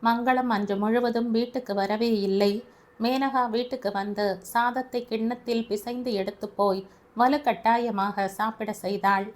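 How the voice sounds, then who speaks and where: A woman's voice: a little high, measured pace. Woman narrating an audio novel. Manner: steady storytelling.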